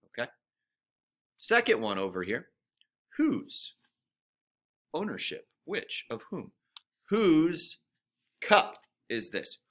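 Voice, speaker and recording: A man's voice: medium pitch, pushed and bright. A man teaching a recorded grammar lesson to his students, playful and jokey, stressing words with emphasis.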